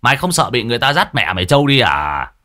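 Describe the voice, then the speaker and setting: A man voicing a loud, short-tempered old village man who scolds in booming shouts. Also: very animated, fast. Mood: angry scolding.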